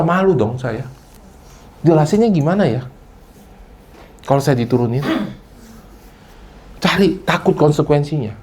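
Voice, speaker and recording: Through slight background noise, a male preacher gives an energetic, conversational sermon. He uses bits of English and acts out people's excuses, raising his pitch to do so.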